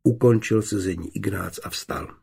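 A man voicing a shrewd, confident young glassmaker who bargains calmly, in an audiobook. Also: fairly low pitch, vocal fry, slightly rough, heavily acted. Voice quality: calm, measured.

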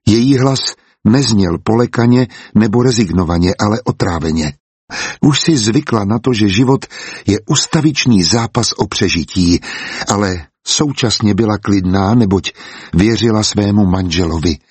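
Low husky male audiobook narrator. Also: animated, a little mellow, no room sound. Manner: measured storytelling. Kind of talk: scripted narration.

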